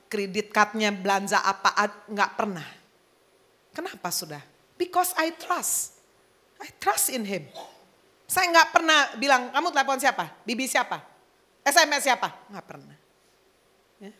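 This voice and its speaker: A middle-aged woman pastor preaching a lively sermon, now and then slipping English phrases into her talk. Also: on the high side. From Indonesia.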